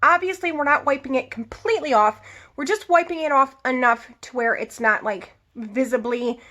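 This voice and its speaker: Woman, beauty vlogger, somewhat high-pitched, casual makeup tutorial, chatty asides. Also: normal speed, sharp tone. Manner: chatty, explains each step, adds little asides.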